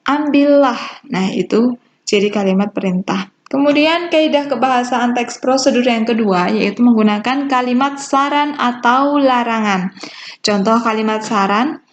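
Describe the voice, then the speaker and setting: A woman teacher giving a recorded lesson, explaining step by step with slow, deliberate delivery and small fillers. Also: fairly high pitch. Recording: dull lo-fi recording with faint hiss.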